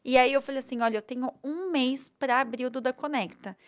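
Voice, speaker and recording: A Brazilian woman with a Brazilian Portuguese accent, a podcast guest telling her story in an animated, emotional way and quoting her own thoughts aloud. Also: high-pitched, fairly quick.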